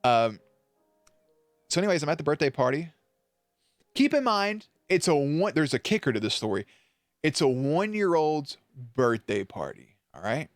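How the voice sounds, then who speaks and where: A man's voice: on the high side, normal speed, pauses often, no echo, studio quality, soft background music. Young guy telling a rambling story. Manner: loose, profane, animated retelling with acted quotes. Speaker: streamer. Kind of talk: casual storytelling.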